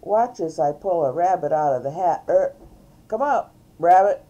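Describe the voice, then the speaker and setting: An older woman doing Mary Moo Cow, a squeaky showy cow. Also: lively intonation, normal speed, mellow, dull audio, lightly acted. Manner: grand showman announcing. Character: cheerful male cow entertainer, squeaky and showy.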